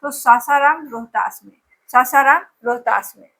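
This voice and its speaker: A woman's voice: sits high, measured pace, gravelly, pushed and bright. A woman teacher giving an exam-prep lesson, drilling place names with memory tricks and repeating each answer over and over.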